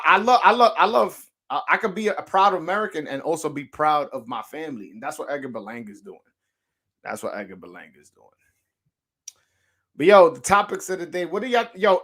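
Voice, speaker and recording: His voice is bright and forceful, on the high side, with a New York accent, as he hosts a casual boxing livestream. The man swears, talks in slang, reacts to viewer comments and stumbles into plenty of stammered restarts.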